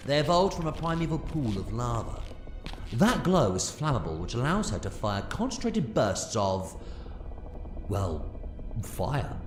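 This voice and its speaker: A man's voice: medium pitch, very animated, unhurried. A man playing an eccentric, commanding alien adventurer in an audio drama, theatrically swinging between playfulness and grave authority. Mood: wry, stern. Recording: echoey sound with music underneath.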